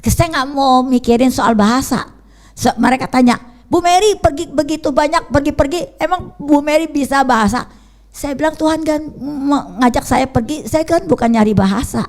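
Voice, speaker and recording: An older woman preaches a personal testimony to her congregation. Her voice sits high. She tells her stories in an animated way and keeps checking in with rhetorical questions. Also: moderate pace. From Pangkal Pinang, Bangka, Indonesia. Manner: lively storytelling with frequent rhetorical "ya kan?". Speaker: preacher, evangelist. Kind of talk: testimony sermon.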